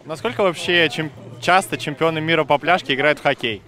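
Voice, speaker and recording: A man's voice: on the high side, a little fast, sharp tone. A male reporter putting short interview questions outdoors at an ice rink. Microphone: handheld reporter microphone. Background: music.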